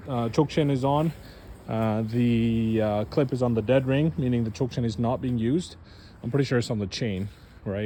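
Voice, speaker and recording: A man's voice: mid-range voice, warm tone, slight background noise. A man, a dog trainer, giving a loose, chatty how-to demonstration and talking straight to his viewers. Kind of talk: casual instructional demo.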